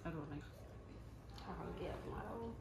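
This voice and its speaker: A family member speaking calmly and soothingly in casual family chat. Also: medium pitch, moderate pace. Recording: roomy, noisy home recording.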